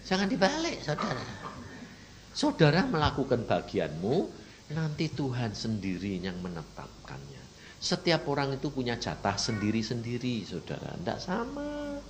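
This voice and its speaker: A male preacher tells a testimony in a casual, emotional way. He calls out to the congregation. His voice soars and sinks across a huge pitch range, from hushed asides to near-shouted peaks. A faint hum of noise sits under the recording. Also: wildly swooping pitch, normal speed. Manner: emotional preaching with sudden loud outbursts and soft drops; colloquial, addresses listeners as brothers and sisters. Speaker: evangelist. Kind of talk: testimony sermon.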